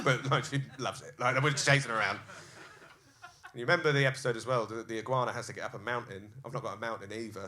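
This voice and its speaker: A man's voice: lowish voice, pushed and bright, slight background noise. A man doing a live stand-up set in a comedy club, acting out scenes with crude jokes. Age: 30s.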